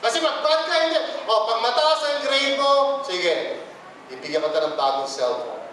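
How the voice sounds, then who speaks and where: A man's voice: extremely high pitch, expressive, normal speed, a bit bright, slight background noise. A man with a Filipino accent preaching a sermon to his congregation, mixing English and Filipino and acting out quoted voices. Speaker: pastor. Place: church hall. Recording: very echoey hall, mic far off.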